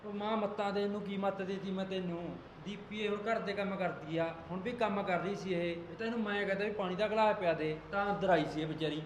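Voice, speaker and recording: A man's voice: sits high, steady tone, quick pace, hardly any pauses, reverberant, a little hiss or hum, lightly acted. A young man from Punjab playing an easygoing husband who defends his wife, coaxing and placating. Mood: arguing. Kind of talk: amateur village drama acting.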